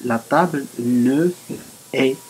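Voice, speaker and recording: A woman's voice: rumbling low, normal speed, a little mellow, a little hiss or hum, rough recording. A woman with a Moroccan accent teaching a primary school French lesson, patiently spelling words out letter by letter.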